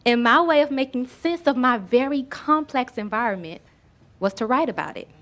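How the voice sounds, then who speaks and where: A woman's voice: high voice, lively intonation, normal speed, fairly bright tone. A woman from Miami with a thick Southern US accent, giving a personal storytelling speech as a guest author, addressing the audience directly. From Miami, Florida.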